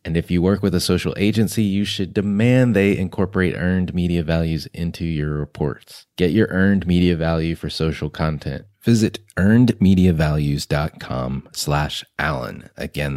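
Deep-voiced male podcast host, smooth practiced reads, dry close mic. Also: darkish tone, no echo.

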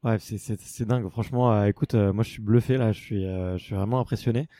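A man's voice: on the low side, steady tone, fast, mellow, dry recording, clean studio sound. A man hosting a casual interview, reacting with easy, encouraging remarks and asking questions. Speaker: interview host. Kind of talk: conversational interview.

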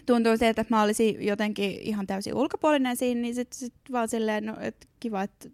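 A young woman chatting on a podcast, her voice sitting a little high. She rambles casually through filler words and drops a swear word now and then. The sound is dry and close, with no room around it. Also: steady tone, darkish tone, dry recording. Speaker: podcast co-host. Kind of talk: casual chat.

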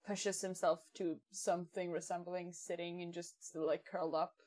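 Woman player, rambly and giggly, mid-pitch, casual. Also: flat delivery, moderate pace, a little mellow. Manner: rambling, filler-heavy, giggly. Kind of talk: casual tabletop play.

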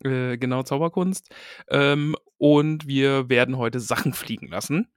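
A man's voice: mid-range voice, a little slow, slight background noise. A man hosting a casual book-discussion podcast, chatty and reading short passages aloud.

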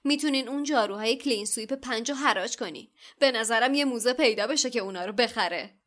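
A woman's voice: fairly high pitch, a bit bright, natural voice. A woman voicing a smug, oily schoolboy rival who taunts the others. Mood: smug taunting.

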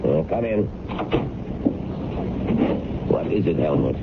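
A male actor playing a stubborn, dismissive show producer in a radio drama, with a gravelly voice. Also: lively intonation, slow pace, exaggerated voice. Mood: defensive, stubborn. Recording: muffled radio broadcast with rumbling noise.

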